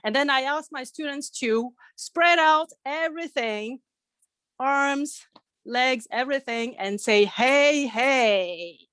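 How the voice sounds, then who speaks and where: Slow, halting woman teacher on a video call. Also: sits high, a bit bright, no room sound. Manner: halting, many fillers and restarts, sings snatches of a children's song. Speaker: music teacher. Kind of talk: casual presentation in a video call.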